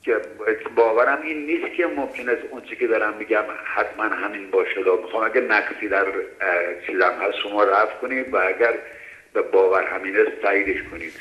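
A man calling in to a religious show over a phone line, asking questions in a halting, formal way. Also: lowish voice. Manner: halting, formal, searching for words. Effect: caller heard over a phone line. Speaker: caller. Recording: dull, echoey phone line.

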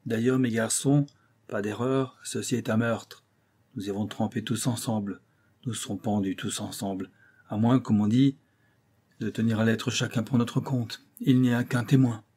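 A man's voice: lowish voice, steady tone, normal speed, darkish tone, husky. A man voicing a brutal, menacing ship captain in an audiobook, with harsh, commanding orders. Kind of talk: audiobook character voice.

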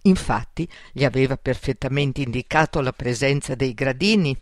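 A woman's voice: rumbling low, moderate pace, no room sound. A woman narrating a children's fairy tale audiobook in a careful storytelling manner, recorded close in a studio.

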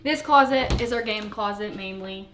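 A woman's voice: medium pitch, moderate pace, a bit bright, slight background noise. A woman in her twenties giving a casual, giggly tour of her house to viewers, filmed on a handheld camera at arm's length. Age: 20s. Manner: chatty, giggly, talks to viewers directly. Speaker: vlogger. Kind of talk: casual home-tour vlog. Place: bathroom and rooms of a house, indoors.

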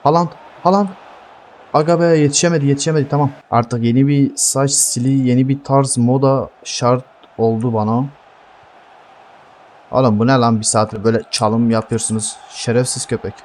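A young man giving heated live gameplay commentary, swearing constantly and yelling at his teammates. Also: medium pitch, steady tone, normal speed. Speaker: gaming streamer.

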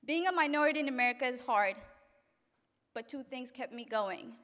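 A young woman from Africa reading a graduation speech at a podium in an event hall, earnest and halting at times. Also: high-pitched, expressive, fairly bright tone. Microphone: podium microphone. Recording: reverberant hall.

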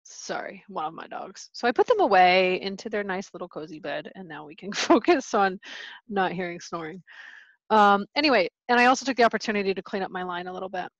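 A woman's voice: medium pitch, lively intonation, a little fast, no room sound. Casual woman teaching chemistry, dry lo-fi sound. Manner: casual, chatty explaining with fillers and asides. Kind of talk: screen-recorded lecture walkthrough. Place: home, with pet dogs.

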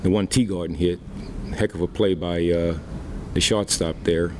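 A low-voiced, middle-aged baseball manager takes reporters' questions at a post-game press conference through a desk mic. His tone is darkish, his intonation fairly even, and his unhurried, plain speech has many fillers. A little hiss or hum runs underneath.

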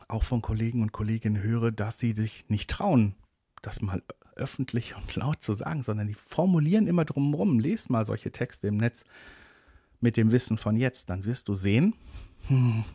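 Man, middle-aged, podcast coach, blunt and direct, husky low voice, dry close sound. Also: warm tone, no room sound. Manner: blunt, direct, addresses listener as du. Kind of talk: casual monologue podcast.

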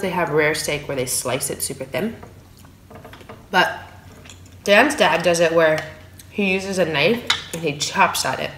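A San Francisco food vlogger in her thirties talks casually between bites at her dining table in a small room at home for an eating vlog. Her slightly low, relaxed voice is captured by a phone camera on the table, with echo and a faint background hum.

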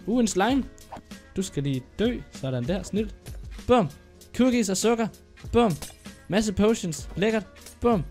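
Excitable young man with a sore throat. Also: high-pitched, pauses often, faint music behind. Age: young adult. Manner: excitable, chatty, narrating his own moves. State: sore throat, coughing now and then. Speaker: gaming YouTuber. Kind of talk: gameplay commentary.

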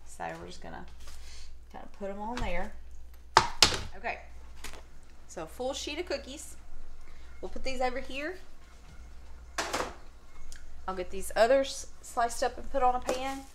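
Speaking to a camera just a step or two off in her home kitchen, a middle-aged woman hosts a cooking demo in a chatty, folksy style full of slangy phrasing. Her fairly high voice moves at a measured pace with long pauses, and the homemade recording is clearly noisy and clicky.

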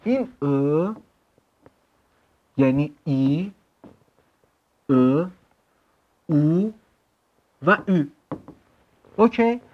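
A man teaching an online language lesson, explaining words slowly and checking in with quick questions. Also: fairly high pitch, expressive. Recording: slightly dull lo-fi sound.

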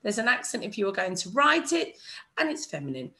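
A woman teaching an online French lesson, patiently modelling phrases slowly for learners to repeat. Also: medium pitch, sing-song, bright, forceful tone. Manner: patient, encouraging teacher talk. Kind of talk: online language lesson with screen share.

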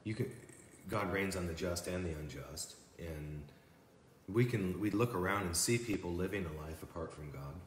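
A man's voice: low voice, normal speed, slight background noise. A man who is a church guest, thoughtful in conversation and often agreeing. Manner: reflective, agreeable, backchannels often. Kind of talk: casual faith chat. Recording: roomy, echoey room.

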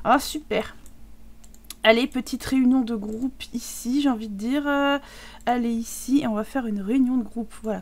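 A woman giving casual, joking commentary over a life-simulation game and talking to the characters. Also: on the high side. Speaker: gaming streamer.

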